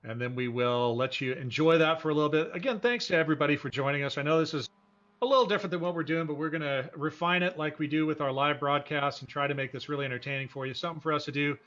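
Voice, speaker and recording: Hosting a live sim racing broadcast, this man commentates with informal, folksy enthusiasm, his fairly high, fairly bright voice moving fast. The audio has a dull, lo-fi broadcast quality.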